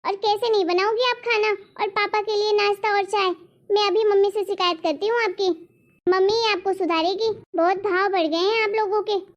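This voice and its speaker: A very high, shrill young daughter, as a woman acts her out, spoiled, lazy and defiant, arguing back at her family in a cartoon story. The sound is dull and lo-fi. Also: steady tone, moderate pace. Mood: indignant. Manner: indignant, argumentative. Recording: dull lo-fi recording.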